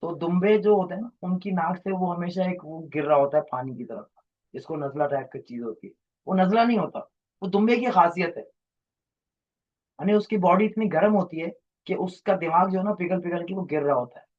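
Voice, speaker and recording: This teacher's voice sits slightly high, with lively intonation and a moderate pace. He explains at length, wanders from one point to the next, and fires quiz questions at his students. The classroom recording comes across as muffled and lo-fi.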